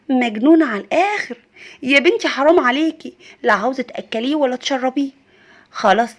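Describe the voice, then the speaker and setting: Bossy older Egyptian mother-in-law, harsh and nagging, put on by a woman. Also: high-pitched. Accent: Egyptian Arabic.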